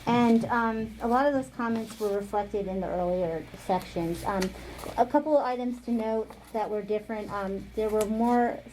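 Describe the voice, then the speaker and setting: A woman's voice: a little high, moderate pace, a little mellow, rough recording. Hesitant woman reading survey results. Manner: hesitant, many ums, light laughs. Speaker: council member presenting survey results. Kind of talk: council meeting report. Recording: faint noise, online meeting audio.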